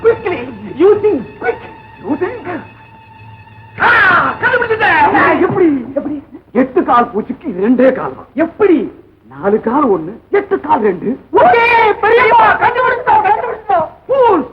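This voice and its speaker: An actor playing an excitable, boastful young nephew in a 1960s film comedy, talking in a shrill, yelping voice with bits of English mixed in. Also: male voice, unhurried, long pauses, roomy sound, faint music behind, full character voice. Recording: dull old film soundtrack.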